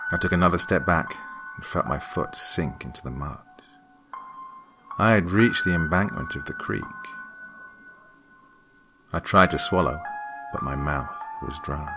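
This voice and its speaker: A man with a very low voice narrates a horror story. His delivery is hushed and creeping, sinking toward whispers. Music plays clearly behind him.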